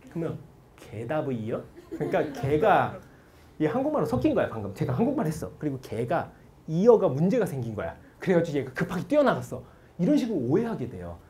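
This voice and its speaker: A man in his forties giving a lively motivational lecture on study methods to students, telling stories and asking the audience questions. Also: on the high side, fast. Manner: animated storytelling, quotes people, asks the audience questions.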